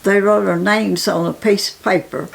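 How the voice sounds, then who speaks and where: A woman in her nineties from Appalachia with a Southern Appalachian accent and an aged, gravelly voice, reminiscing casually in a halting, plain-spoken, repetitive way. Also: medium pitch, steady tone. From Appalachia, United States. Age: 90s. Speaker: interviewee.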